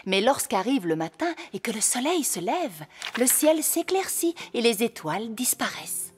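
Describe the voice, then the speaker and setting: A woman voicing a calm, patient fairy queen mother in a cartoon dub. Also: fairly high pitch, moderate pace, a little hiss or hum. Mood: explaining.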